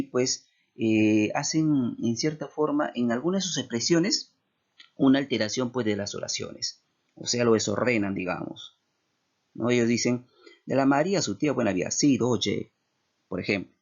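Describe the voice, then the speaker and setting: Gravelly Peruvian teacher explaining to students. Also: male voice, lowish voice. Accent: Peruvian Spanish. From Peru. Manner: explanatory, with many tag questions. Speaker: language teacher. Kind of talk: classroom lecture. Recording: dull lo-fi recording.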